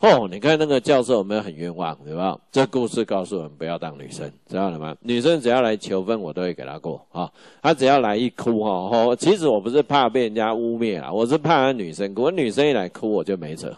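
A middle-aged man lectures law students in a lively, joking way, his fairly low voice swinging widely in pitch. He keeps tossing rhetorical questions at the class. The sound is close and dry, with no room echo. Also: fast talker, few pauses.

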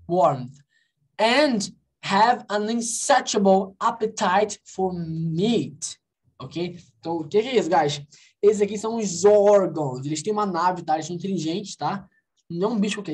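A man's voice: high-pitched, darkish tone. A man with a Brazilian Portuguese accent teaching an online English conversation class, explaining words patiently and checking in with the students after each point. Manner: explains patiently, repeating English words slowly and asking "tá legal?".

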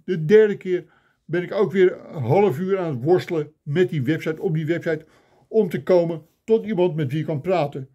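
A man's voice: fairly high pitch, mellow. Grumbling older man ranting. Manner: mock-indignant, grumbling complaints. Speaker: vlogger. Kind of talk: ranting comic monologue. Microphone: phone camera.

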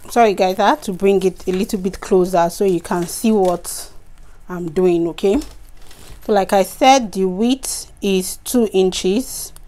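Walking viewers through a sewing tutorial on her craft channel, a tired-sounding woman chats casually and goes over instructions more than once. She often drops in "okay" and "so guys," speaking unhurriedly in a warm, medium-pitched voice.

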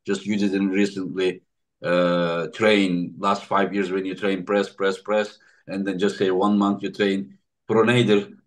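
A man with a fairly low voice hosts a relaxed video-call interview. He is chatty and keeps dropping quick repeated affirmations as his guests talk. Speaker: podcast host.

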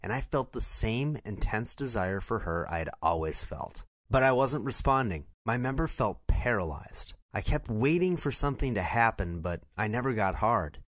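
Low-voiced man narrating a confession. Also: lively intonation, normal speed, few pauses, a bit bright, dry recording, studio quality. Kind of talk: scripted first-person narration.

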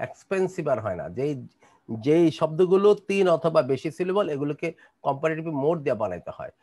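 A man with a Bangladeshi accent teaching English grammar in an online class, reading test sentences slowly and then explaining them in rapid bursts. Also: fairly high pitch, sing-song, mellow.

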